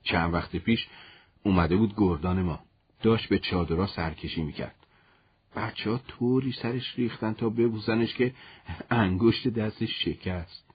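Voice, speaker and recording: Brief: man doing an earnest young soldier, touchy and loyal, low husky voice in a storybook. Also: lo-fi sound. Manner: indignant, protective of his commander.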